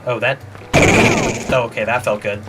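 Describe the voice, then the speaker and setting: In a very noisy recording with music behind him, a man with a mid-range voice speaks at a moderate pace and fairly even intonation. He muses casually while playtesting the game he's building, often drifting off mid-sentence.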